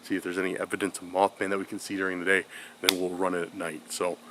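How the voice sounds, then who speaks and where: In a low, level, sharp voice and at a quick pace, a cold-congested paranormal vlogger rambles to his viewers from a forest. Fillers and restarts pepper his casual vlog talk, and there's slight background noise.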